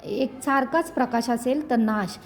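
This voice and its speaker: A woman narrating a storybook in a measured, expressive reading. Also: a little high.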